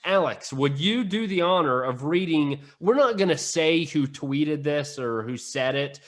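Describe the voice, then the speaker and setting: Excitable young man hosting a podcast. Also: a little high, measured pace. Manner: excitable, jokey, teasing. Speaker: podcast co-host. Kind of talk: casual podcast banter.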